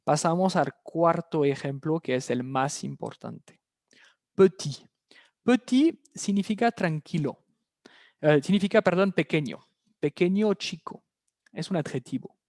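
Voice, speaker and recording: Slow, patient French teacher, dry sound. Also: mid-range voice, animated, darkish tone, dry recording. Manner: explains step by step, often checking in with "¿ok?"; repeats key words slowly for pronunciation. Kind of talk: online language lesson.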